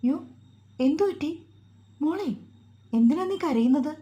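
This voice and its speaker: A woman's voice: lively intonation, normal speed, dark tone, breathy edge, highs cut off. A woman voicing a loving, fussy middle-aged mother-in-law who sounds emotional and doting. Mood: eager. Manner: emotional, doting, high and urgent.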